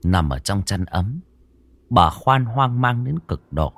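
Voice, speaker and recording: A man narrating a ghost story with dramatic, animated delivery, rising and falling to build suspense. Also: fairly low pitch, slow, dry recording.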